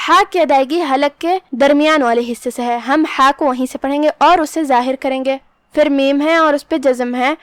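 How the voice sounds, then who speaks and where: Female recitation teacher, high voice, careful and measured, dry close sound. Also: dry recording. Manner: careful, measured explanation of pronunciation rules. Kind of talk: recitation lesson.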